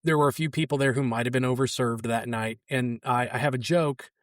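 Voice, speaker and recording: A man's voice: medium pitch, fairly even intonation, brisk, dry recording, studio quality. A young adult man, a guest comedian, telling loose, rambling stories with plenty of fillers. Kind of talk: casual anecdotal storytelling.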